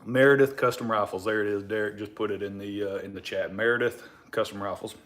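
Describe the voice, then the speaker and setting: Man, fairly low pitch, mumbled marbles-in-mouth diction, rambling, informal livestream chat. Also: fast talker, fairly bright tone. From Alabama, United States. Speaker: livestream host.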